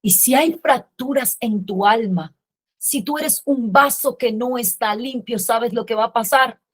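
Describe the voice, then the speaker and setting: A middle-aged woman pastor preaching a sermon with impassioned delivery that rises to shouts. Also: on the high side, unhurried, breathy edge.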